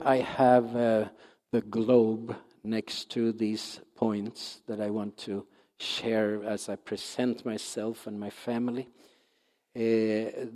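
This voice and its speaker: A man in his sixties from Sweden with a Swedish accent, speaking as a guest missionary at church in a halting, earnest way full of fillers and restarts. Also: medium pitch, warm tone. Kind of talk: church talk. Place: church sanctuary. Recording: long reverb of a large hall.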